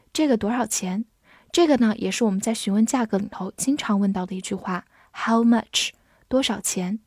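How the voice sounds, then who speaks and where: A woman with a mid-range, darkish voice teaches English vocabulary from a script, spelling each word letter by letter and reading example sentences slowly. The sound is clean studio audio with no room sound.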